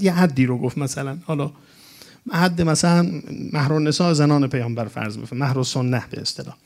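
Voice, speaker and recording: A man preaching to a gathering, delivering a religious lecture in an emphatic way and reciting Arabic quotations. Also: fairly high pitch. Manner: emphatic, rising to animated peaks with Arabic quotations.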